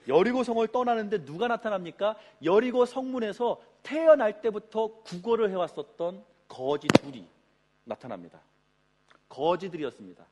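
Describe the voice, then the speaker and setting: A man's voice: high-pitched, sing-song, moderate pace, darkish tone, slight background noise. A male pastor preaching a sermon in a church, who acts out quoted voices for dramatic effect. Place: church sanctuary.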